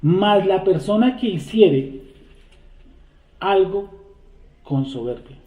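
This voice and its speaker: A man's voice: high voice, expressive, slow, dark tone. A man leading a scripture study class. He reads verses aloud and keeps asking the group rhetorical questions. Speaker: Torah study teacher. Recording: tinny, echoey phone-like recording.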